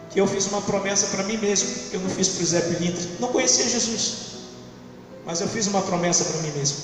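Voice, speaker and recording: High-voiced preacher in an echoey hall. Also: male voice, recorded from a distance. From São Luís, Maranhão, Brazil. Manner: dramatic storytelling with repetition. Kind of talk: testimony sermon. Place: church hall. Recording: echoey church hall from afar with music.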